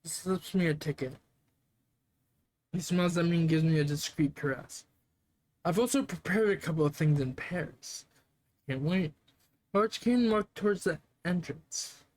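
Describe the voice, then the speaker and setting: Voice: mid-range voice, moderate pace, pauses often, a little mellow. A streamer reading a dating game aloud on a live stream, with sarcastic, swearing asides. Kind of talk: live game read-through with commentary.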